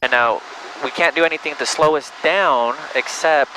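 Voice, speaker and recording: A man's voice: a little high, moderate pace. A man coaching a student pilot step by step in an informal way during a flight, talking on a headset. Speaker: flight instructor. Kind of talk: hands-on instruction during a flight. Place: small airplane cockpit in flight. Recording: loud engine noise in small aircraft.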